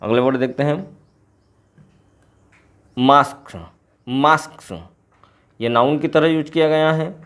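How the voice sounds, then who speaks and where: Man teaching words slowly. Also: fairly high pitch, steady tone, fairly bright tone, clean tone. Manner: repeats each word slowly, then gives English and Hindi meanings. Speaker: English teacher. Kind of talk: explaining a poem's glossary word by word in a lesson.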